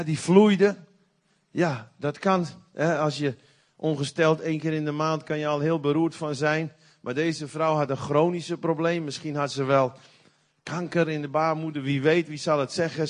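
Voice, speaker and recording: A middle-aged man preaches a sermon with a slightly raised voice. He talks in a folksy, conversational way, then bursts out loud on key points. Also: high-pitched. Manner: animated, folksy preaching with sudden loud outbursts.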